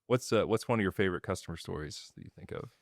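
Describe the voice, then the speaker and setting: A man hosting a casual interview, relaxed, asking open questions and laughing easily. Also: low voice, very fast, vocal fry, no room sound, studio quality.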